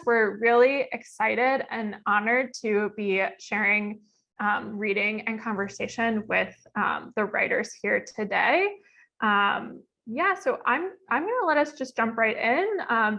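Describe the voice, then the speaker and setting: A woman moderating an online event on a video call introduces it and its guests informally and a bit hesitantly, partly reading their bios. Her voice is on the high side, creaky, pushed, and bright, with the recording's highs cut off.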